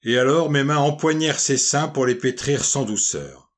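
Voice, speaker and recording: A man narrating a first-person novel as an audiobook, in a measured, even storytelling delivery. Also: medium pitch.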